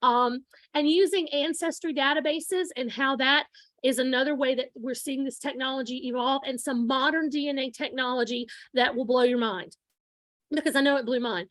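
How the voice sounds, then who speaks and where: A woman's voice: high-pitched, normal speed, fairly bright tone, no echo. A woman in her forties giving an informal lecture to students, projecting her teacher voice without a microphone. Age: 40s. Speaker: guest lecturer, forensic science instructor. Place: room, speaking aloud to a student audience.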